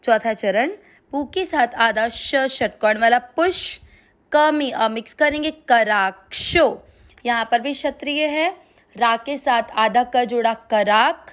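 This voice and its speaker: A woman's voice: a little high, takes it slowly. A woman teaching the pronunciation of a Sanskrit hymn, spelling out syllables patiently and stretching long vowels as she recites. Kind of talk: slow step-by-step recitation lesson.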